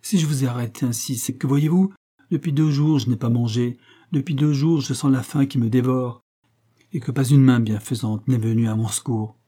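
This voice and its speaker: Man doing a husky, hungry young laborer, begging in breathless bursts. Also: medium pitch, steady tone, brisk, hardly any pauses, mellow, natural voice. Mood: pleading. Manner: pleading, breathless outbursts. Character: starving young male worker, desperate and proud.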